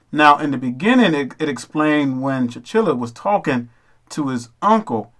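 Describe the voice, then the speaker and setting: Preachy man, slightly high voice. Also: fairly bright tone. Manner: preachy, addresses brothers and sisters. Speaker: religious commentator. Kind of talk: casual video commentary.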